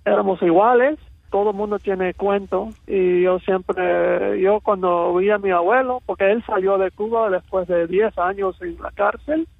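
A man from Miami with an American accent in his Cuban-rooted Spanish, telling personal stories as an interview guest, halting and slipping in English words. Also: high-pitched, vocal fry, no room sound, phone-quality sound. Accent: American-accented Spanish with Cuban roots. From Miami, United States.

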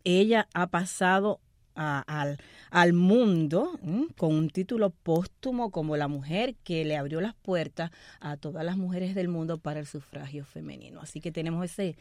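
A woman from Cuba, telling a history story in a lively, conversational talk-show way, often turning to the listeners with asides. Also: lowish voice, normal speed, no echo.

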